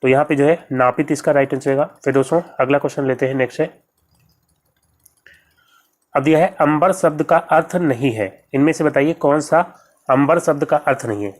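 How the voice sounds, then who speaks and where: A man's voice: fairly high pitch, fairly quick. A man teaching an exam-prep grammar lesson, walking through each question step by step and repeating every answer and spelling.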